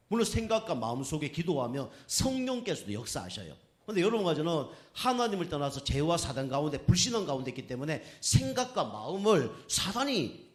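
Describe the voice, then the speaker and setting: Male pastor, conversational sermon delivery, lively intonation, keeps checking in with listeners. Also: a little high. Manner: conversational preaching, with frequent tag questions to the congregation; acts out quoted speech in anecdotes.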